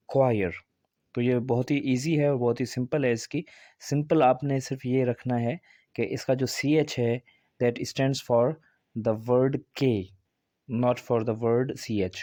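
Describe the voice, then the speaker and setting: A man's voice: mid-range voice, mellow, no echo, studio quality. A man teaching English pronunciation in a video lesson, spelling out words and repeating each one.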